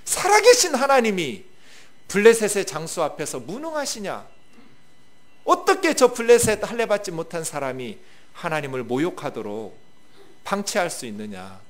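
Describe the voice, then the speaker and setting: A man preaches to his congregation in a high, bright voice. His pitch leaps and dips all through, with loud punches and hushed asides. He keeps drawing the listeners in with questions and calls to repeat after him. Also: normal speed. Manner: lively, swings between loud bursts and quiet asides, talks with the congregation. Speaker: pastor. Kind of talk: sermon.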